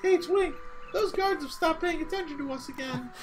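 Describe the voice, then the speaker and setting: A woman voicing a sweet, cheerful young princess in a high, sing-song put-on voice while reading game dialogue playfully. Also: moderate pace, over music. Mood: sneaky, giggly.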